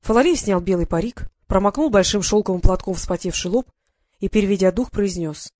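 An audiobook narrator reading a first-person historical story in a calm, measured way. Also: medium pitch. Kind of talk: scripted narration.

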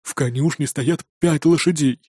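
A man's voice: a little high, moderate pace, warm tone, husky, dry recording, clean studio sound. A man voicing Korg, a bitter, vengeful young male thrall who speaks urgently and insistently.

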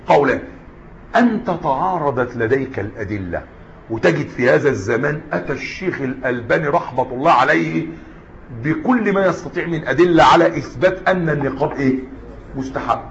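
Fast-talking Egyptian man lecturing. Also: on the high side, fairly bright tone. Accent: Egyptian Arabic. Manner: switches between classical Arabic and colloquial, asks the class questions. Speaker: teacher of Islamic jurisprudence. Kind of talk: classroom lecture. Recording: dull lo-fi lecture recording.

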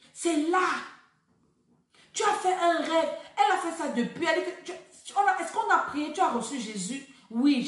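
A woman teaching deliverance in a preaching video, exhorting and repeating herself as she speaks straight to the listener. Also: high voice. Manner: exhorting, repetitive, addresses listener directly. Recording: very echoey room, voice far from mic.

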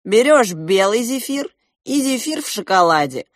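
A woman's voice: on the high side, very animated, moderate pace, no room sound, studio quality, voice pushed up. Woman doing a sarcastic quarrelsome kid. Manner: sarcastic, teasing. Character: sharp-tongued quarrelsome child companion.

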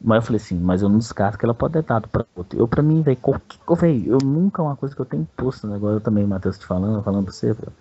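A man's voice: on the low side, expressive, very fast, few pauses, dark tone, slightly rough, dull audio. A Brazilian man telling a personal story in a rambling, crude way, with a lot of slang. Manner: rambling and crude, peppers speech with "velho". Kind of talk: casual storytelling.

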